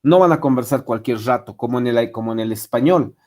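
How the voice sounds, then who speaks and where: A man's voice: mid-range voice, brisk, a little mellow. Man, teacher, online lecture, rambling, lots of fillers. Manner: rambling, with many fillers and restarts. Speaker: English teacher.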